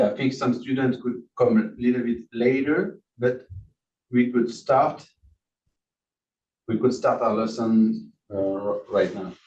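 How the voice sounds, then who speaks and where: A man hosting and lecturing an online class, friendly and halting with many restarts, on a video call. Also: mid-range voice, darkish tone. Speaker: course lecturer and host. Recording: distant, roomy, dull video call audio.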